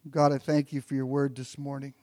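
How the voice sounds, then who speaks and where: A man's voice: medium pitch, little pitch movement, a little fast, mellow, no echo. A pastor preaching an earnest sermon, often repeating words as he builds toward a point.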